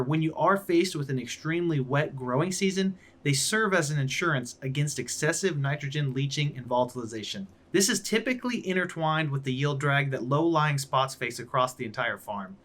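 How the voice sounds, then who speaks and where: A farmer hosting his own vlog, explaining things in a clear, methodical way with dry little asides. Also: fairly high pitch, a bit bright.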